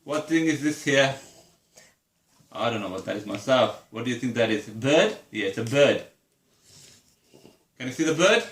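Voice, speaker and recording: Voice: mid-range voice, expressive, normal speed, pauses often. A teacher patiently guiding a young child through counting, with simple repeated questions. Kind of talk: one-to-one early maths lesson, counting aloud. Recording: echoey room.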